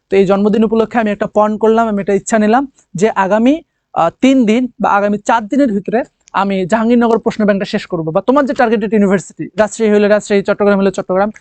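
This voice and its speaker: A man's voice: high voice, no echo. Man teaching English, dry sound. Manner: asks students questions and answers them himself; drawn-out emphasis on key words. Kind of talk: online admission coaching lesson.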